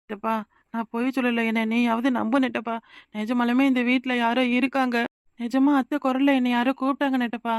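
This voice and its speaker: Fast-talking Kanyakumari young wife, voiced by a woman. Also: on the high side, flat delivery, dry recording, clean studio sound, natural voice. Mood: pleading. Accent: Kanyakumari Tamil. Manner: rapid, insistent, pleading. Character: frightened young village wife. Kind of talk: cartoon voice acting.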